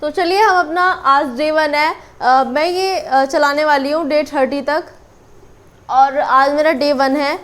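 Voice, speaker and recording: ऊँची आवाज़ वाली महिला शिक्षक. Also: female voice, sits high, steady tone, a bit bright. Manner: explains slowly, repeats words with many fillers. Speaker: English teacher. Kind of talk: casual spoken lesson. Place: small room with a board. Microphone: camera on a tripod.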